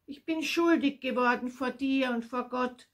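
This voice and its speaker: A woman's voice: sits high, unhurried, voice pushed up. A woman doing a stammering remorseful young son. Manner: stammering, pleading. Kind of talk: children's Bible story reading.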